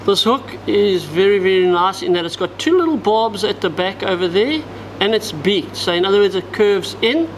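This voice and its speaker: A man's voice: sits high, expressive, moderate pace, a little hiss or hum, rough recording. A man, giving a step-by-step fishing knot tutorial at a table in a tackle shop, talking as he works with his hands. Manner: step-by-step, talks while working with his hands.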